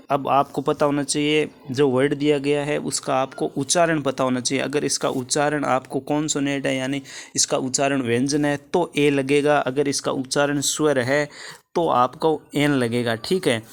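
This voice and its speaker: A man with a mid-range voice teaches English grammar for an exam in Hindi. He works through the answers step by step, repeats key words, and checks in with his students.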